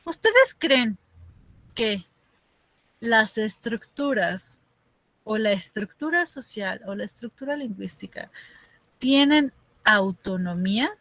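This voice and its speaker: A woman's voice: a little high, lively intonation, slow, pauses often, a bit bright, no room sound. A woman from Mexico City with a chilango accent, teaching an online class in a chatty way, asking her students questions and laughing often.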